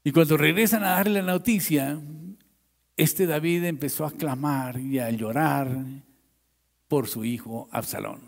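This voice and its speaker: A male pastor preaching a sermon in a church. He tells the story dramatically, swinging from loud, raised lines to hushed ones. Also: a little high, unhurried, gravelly, in a large hall.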